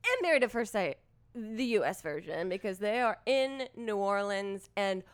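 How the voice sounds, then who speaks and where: A woman co-hosting a podcast in casual chat, animated and rambling, laughing often, wired from chugging a coffee. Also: medium pitch, normal speed, clear, resonant tone. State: caffeinated after chugging coffee. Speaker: podcast co-host.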